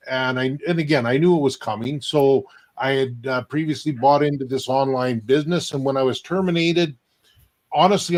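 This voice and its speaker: A man from Canada in his fifties introduces himself on a live online interview. He talks plainly and steadily, with a few fillers. His voice sits at a middle pitch for a man. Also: darkish tone. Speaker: guest.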